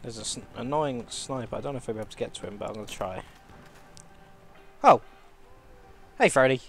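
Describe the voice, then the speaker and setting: A man's voice: lowish voice, quick pace, vocal fry, a bit bright. A man chatting casually while playing a shooter game with friends. He teases and jokes, swears often, and talks into a headset. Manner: jokey, teasing, swears often. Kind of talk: casual gaming commentary.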